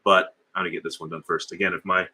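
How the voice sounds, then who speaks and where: The middle-aged host of a live stream goes through viewer comments in a loose, rambling chat, full of fillers, restarts and hesitation. His voice is low and deep but bright and forceful, slightly rough, with little pitch movement and a quick pace.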